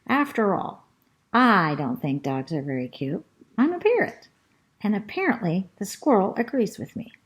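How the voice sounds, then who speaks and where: A woman reading a children's storybook aloud as a chatty, fussy pet parrot who narrates the tale, in a slow, sing-song rhyming manner. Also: medium pitch, big pitch swings, lightly acted. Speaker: storybook reader.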